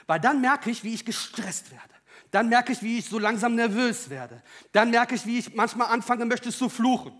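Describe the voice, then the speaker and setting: A man preaching a sermon, moving between loud emphatic calls and quiet, joking personal asides. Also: very high-pitched, expressive, normal speed.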